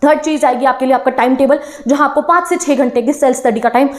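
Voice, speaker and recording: Brisk, high-voiced young woman teacher. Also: fairly even intonation. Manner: brisk, encouraging, mixing Hindi with English phrases. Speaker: online teacher. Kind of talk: motivational talk to exam students.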